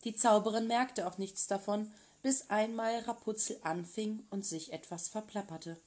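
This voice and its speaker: A woman from a kindergarten team reading a fairy tale aloud for children, in a calm and even storytelling voice. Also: medium pitch, a little slow. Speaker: kindergarten teacher.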